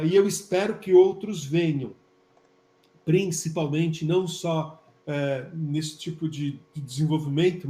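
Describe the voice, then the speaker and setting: A man's voice: fairly high pitch, dark tone. A man with a Brazilian accent, a physician and study coordinator, talking chattily on a live webinar with lots of fillers and restarts. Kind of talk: casual live webinar talk. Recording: echoey room.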